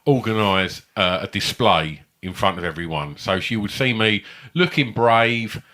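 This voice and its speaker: Man, fairly low voice, bright forceful tone, sweary rambling storyteller, casual comedy podcast. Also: animated, unhurried. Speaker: podcast co-host.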